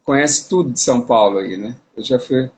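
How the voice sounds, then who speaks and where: Hosting a relaxed live-stream interview on his phone, a Brazilian man chats with many repeated words and restarts. He speaks fairly quickly at medium pitch, a little mellow, against slight background noise.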